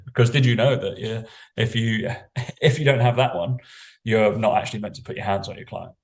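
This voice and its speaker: A man's voice: lowish voice, brisk. A British man, a fitness coach, chatting casually on a podcast in a blunt, sweary, rambling way.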